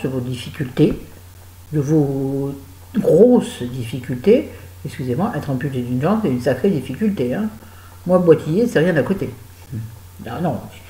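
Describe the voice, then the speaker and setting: A woman's voice: low-pitched, mellow, echoey room, poor audio. A woman giving a chatty, digressive spoken book review, talking straight to her viewers.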